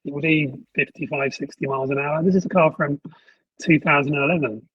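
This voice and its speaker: A man's voice: a little high, fairly even intonation, fairly quick, slightly rough, no room sound. A man chatting casually on a podcast, stumbling and restarting as he goes. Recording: muffled, distant from the mic.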